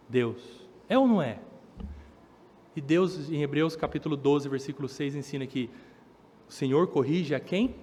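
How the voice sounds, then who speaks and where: A man with a high voice preaches a sermon, his words carrying a long reverb through a church hall. He builds up emphasis as he goes and slips into the voices of children and parents to make his point. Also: a little hiss or hum. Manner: preaching with rising emphasis, acting out children's complaints. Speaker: pastor.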